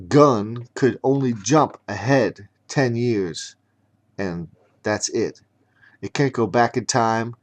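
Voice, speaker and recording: A man's voice: medium pitch, natural voice. A man voicing a boastful sixteen-year-old boy villain who runs deadly games, in a storybook reading. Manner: bragging, resentful monologue.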